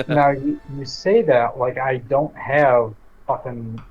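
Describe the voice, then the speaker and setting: A laid-back man who jokes and swears casually, talking over a voice call. His mic gives everything a thin, tinny, metallic edge, as if through a can. Clear music plays behind him. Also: mid-range voice, fairly even intonation, slow. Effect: tinny metallic-sounding microphone. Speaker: tabletop game player. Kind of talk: casual banter before a game stream.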